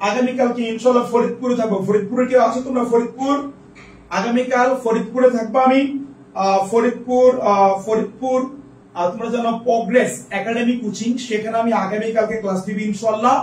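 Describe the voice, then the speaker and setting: Man teaching a live online class, very high voice, repeats drills, echoey room, far from the mic. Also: fairly even intonation, brisk, darkish tone, slight background noise. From Bangladesh. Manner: drills word pairs by call and response, repeating each several times. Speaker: English teacher for admission test students.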